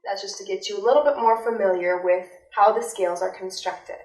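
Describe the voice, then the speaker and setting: A young adult woman giving a vocal lesson, explaining clearly and demonstrating with sung examples. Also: medium pitch, brisk, a little mellow. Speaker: vocal instructor. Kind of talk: instructional voice lesson. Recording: roomy, from a distance, with faint music.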